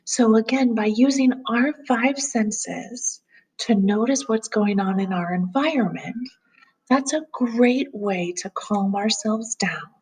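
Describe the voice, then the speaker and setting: A woman guiding a calm grounding exercise as an instructor, speaking gently and soothingly in a soft, slightly breathy voice without hurry. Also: on the high side, slow, poor audio.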